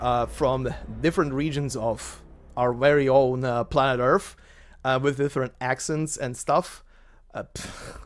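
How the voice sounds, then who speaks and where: Faint game menu music loops in the background as a Croatian man, speaking his native Croatian, casually introduces a game story he's about to read. As host he rambles chattily, his pitch jumping about lively.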